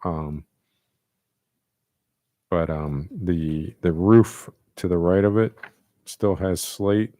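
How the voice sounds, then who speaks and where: A man's voice: deep voice, fairly even intonation, extremely slow, long pauses, warm tone, no echo. A man explaining details at a public review board meeting, hesitant and full of fillers. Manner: hesitant, many fillers and restarts. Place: municipal meeting room.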